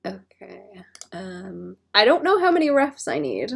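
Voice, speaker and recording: A woman streamer chatting casually and playfully as she draws, in a cute way, often murmuring to herself, with a slightly husky voice. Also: sits high, huge pitch swings, a little fast, a bit bright. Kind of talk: casual livestream chat while drawing.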